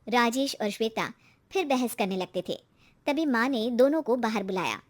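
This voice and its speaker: Woman narrator, children's moral story, calm even delivery, fairly high voice. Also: moderate pace. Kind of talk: scripted narration.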